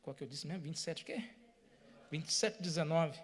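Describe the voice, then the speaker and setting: A man's voice: on the high side, a little fast, breathy edge. A man preaching a sermon, speaking emphatically, repeating phrases and addressing the congregation directly.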